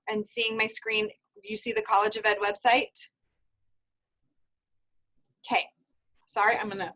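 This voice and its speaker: A woman in her thirties leading an online seminar over a video call, giving brisk, friendly, step-by-step instructions. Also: fairly high pitch, a bit bright, poor audio. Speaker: university field experience coordinator. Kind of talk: online seminar presentation with screen sharing.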